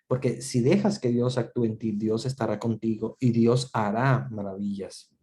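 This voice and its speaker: A man's voice: fairly low pitch, fairly even intonation, moderate pace, dark tone, a little hiss or hum. A man teaching an online Bible class, earnest and repetitive, with frequent restarts and fillers.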